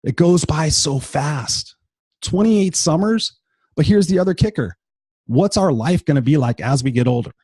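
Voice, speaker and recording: A man's voice: on the high side, lively intonation, normal speed, a little mellow, husky, dry recording. A man in his fifties hosting a motivational podcast, talking bluntly and with profanity in an unscripted monologue while tired and unwell. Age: 50s.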